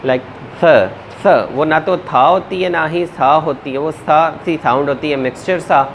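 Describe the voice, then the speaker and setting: A man teaching a spoken English lesson, mixing Urdu and English and modeling words slowly and deliberately. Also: fairly high pitch, slight background noise. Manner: mixes Urdu-Hindi with English.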